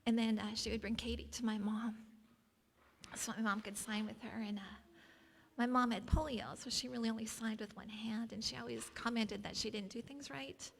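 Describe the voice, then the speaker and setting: Female memorial guest, off-the-cuff tribute, hesitant delivery; creaky, higher-set voice, echoing hall. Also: fairly even intonation, moderate pace, a bit bright. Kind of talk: unprepared personal tribute. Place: large echoey room at a gathering. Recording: reverberant hall, faint background noise.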